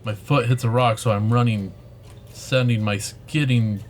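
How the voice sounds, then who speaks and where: A man's voice: medium pitch, steady tone, unhurried, a little hiss or hum. Man reading a story game aloud. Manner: reads narration with joking asides. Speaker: game streamer.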